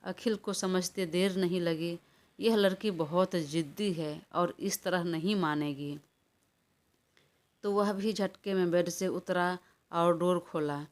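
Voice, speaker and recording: A woman narrating a romance audio story in a calm, unhurried reading. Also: lowish voice. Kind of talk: scripted narration.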